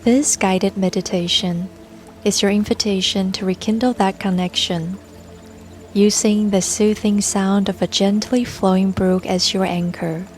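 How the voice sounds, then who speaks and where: This is a scripted, calming meditation led by a woman whose voice is mid-pitched, gentle, and extremely unhurried. Behind her run soothing music and gurgling stream sounds.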